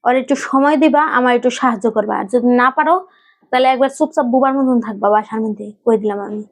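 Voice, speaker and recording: Woman, aggrieved wife, scolding complaints, high-pitched. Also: fast talker, slight background noise. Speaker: wife in a family skit. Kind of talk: acted domestic quarrel skit.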